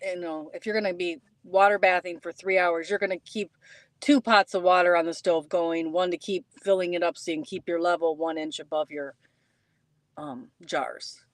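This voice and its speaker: A woman speaking as a guest co-host, explaining things casually in a plain-spoken, somewhat halting way. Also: fairly low pitch, fairly even intonation, no echo.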